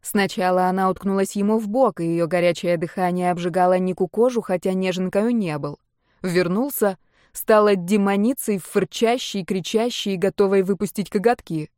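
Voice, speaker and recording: Lady reading a novel aloud, steady and measured, dry sound. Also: medium pitch, dry recording. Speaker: audiobook narrator. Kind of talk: scripted narration.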